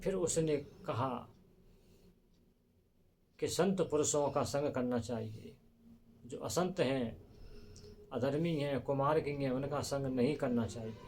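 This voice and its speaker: A man's voice: mid-range voice, slow pace, long pauses, darkish tone, a little hiss or hum. A man narrating a scripture story in a devotional sermon style, dramatic and storytelling. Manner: dramatic, voices emotional quotes within the story; devout greetings, storytelling cadence.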